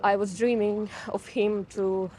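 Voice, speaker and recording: A Russian woman speaking halting non-native English with a Russian accent in a street interview. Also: mid-range voice, flat delivery, a little mellow, slight background noise.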